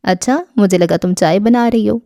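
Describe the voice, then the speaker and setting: A woman's voice: mid-range voice, warm tone, dry recording, studio quality, lightly acted. A woman reading the part of a playful, teasing young man who wheedles favors. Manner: mischievous, wheedling. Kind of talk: audiobook character reading.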